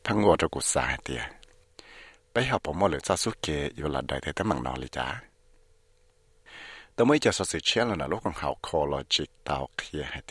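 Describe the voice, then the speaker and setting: A man reading a news report in a steady, measured, scripted way. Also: a bass voice, husky, no echo. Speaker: news narrator.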